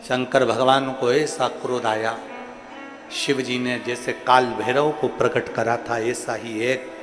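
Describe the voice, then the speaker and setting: A male religious storyteller giving a live devotional sermon, swinging dramatically between loud and soft. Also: mid-range voice, little pitch movement, slow pace, over music. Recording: echoey live hall with long reverb.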